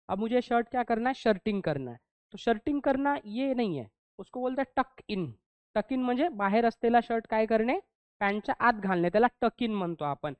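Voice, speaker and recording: A man teaching an English grammar class, asking the class rhetorical questions and slowing down to model English sentences. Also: high voice, darkish tone, smooth, no echo. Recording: dull, muffled lo-fi sound.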